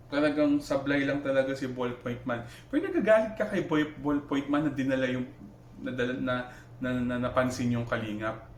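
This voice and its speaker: Man, Filipino accent, argumentative vlog reaction, rhetorical questions, echoey room, faint hum. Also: mid-range voice. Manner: argumentative, Taglish, rhetorical questions, many restarts. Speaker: vlogger reacting to another creator. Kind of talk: heated reaction commentary.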